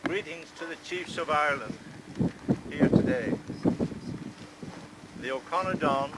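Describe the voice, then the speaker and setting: An older man gives a formal ceremonial speech outdoors in measured, declamatory short phrases. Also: fairly high pitch. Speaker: clan chief at his inauguration. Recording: very noisy outdoor amateur recording.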